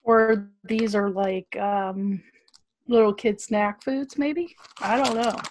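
A woman's voice: mid-range voice, steady tone, slow pace, a little hiss or hum. A woman co-hosting a podcast over a video call, chatting casually with a wry, curious manner. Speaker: podcast co-host. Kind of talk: casual chat.

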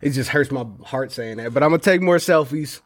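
A man co-hosting a casual podcast chat, talking in a relaxed, musing way about himself. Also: medium pitch, a little fast. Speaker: podcast co-host.

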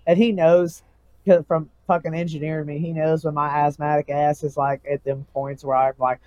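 A man's voice: fairly high pitch, little pitch movement, normal speed, a little mellow, dry recording, dull audio. A man in a casual chat, talking like a frat bro with loose slang and frequent swearing. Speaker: rapper, guest.

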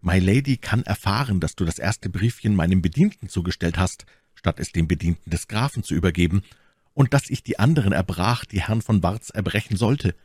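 A man's voice: deep voice, expressive, fairly quick, darkish tone, slightly rough, no echo. A man voicing a young, self-assured musketeer who talks persuasively. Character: young scheming male musketeer, smooth-talking.

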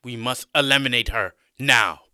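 A man's voice: medium pitch, moderate pace, sharp tone, smooth, no echo, clean studio sound. A man voicing a ruthless male spirit warrior in a spoken story, stern and urgent.

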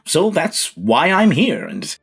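A man's voice: on the high side, wildly swooping pitch, slow, creaky, a bit bright, husky, soft background music, heavily acted. A man playing a genteel psychic who speaks telepathically into a listener's mind, in a courtly, rambling, hesitant way during tabletop role-play. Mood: mysterious, courteous.

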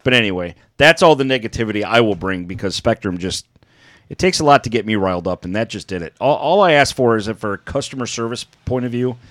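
Animated man bantering on a podcast. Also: fairly low pitch, fast, dry recording. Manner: irreverent, sweary. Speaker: podcast co-host. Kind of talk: casual banter.

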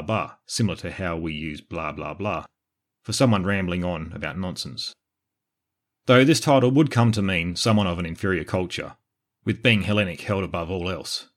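An Australian man hosting a history podcast, reading scripted narration in a measured, explanatory way. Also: low-pitched. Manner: measured, explanatory, answers listener questions.

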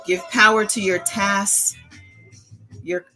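A woman guiding a breathing meditation in a calm, meditative, slow and deliberate way. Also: medium pitch, music in the background, low-quality recording. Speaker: host of an online spiritual channel.

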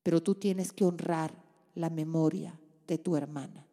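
A woman's voice: low-pitched, fairly even intonation, a little slow, dark tone, in a large hall. A woman, reading out and answering listeners' letters in a tender advice monologue, full of soothing endearments. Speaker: relationship advice host.

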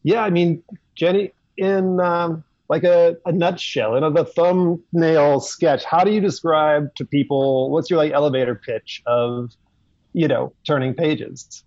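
A man's voice: fairly high pitch, steady tone, unhurried, darkish tone, dry recording. Rambling man hosting on a dull video call. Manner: rambling, with many fillers and restarts. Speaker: host. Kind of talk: casual interview on a video call.

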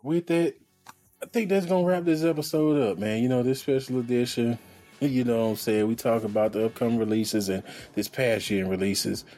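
On a casual sneaker podcast, a male co-host with a medium-pitched voice rants at a brisk clip, swearing freely and mocking people in exaggerated voices. Faint music plays behind him.

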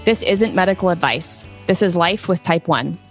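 A woman's voice: lowish voice, lively intonation, normal speed, soft background music, poor audio. A woman hosting a podcast, presenting in a conversational way. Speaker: podcast host.

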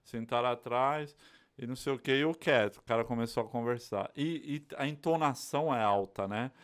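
A man's voice: mid-range voice, normal speed. A man from Brazil hosting a podcast, telling stories in casual slang with an easygoing manner. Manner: easygoing, slangy, laughing storyteller. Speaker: podcast host. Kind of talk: casual chat.

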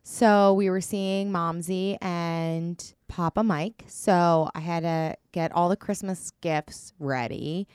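A woman's voice: lowish voice, fairly even intonation, slow pace, few pauses, a little mellow, clear, resonant tone, dry recording, studio quality. A woman co-hosting a podcast, trading casual banter and stories. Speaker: podcast co-host.

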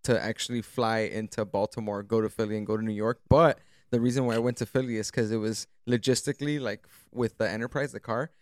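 A man's voice: fairly low pitch, steady tone, quick pace, few pauses. A man on a podcast in natural, unscripted casual talk, telling stories with slangy, profane enthusiasm. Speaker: podcast guest or co-host.

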